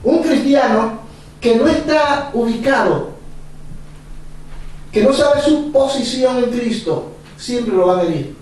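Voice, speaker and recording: A male pastor preaching a sermon, animated and repetitive, chuckling as he speaks. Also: extremely high pitch, slow, long pauses. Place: church hall. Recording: echoey church from far off.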